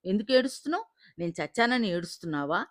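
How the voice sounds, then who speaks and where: A woman's voice: medium pitch, sing-song, fast talker, no echo, natural voice. A sadistic young husband in a spoken story, jealous and scornful, firing suspicious taunts at his wife, as a woman narrator reads him. His lines come across plainly and close to the mic, in a dry, unechoing sound. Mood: cruel scolding.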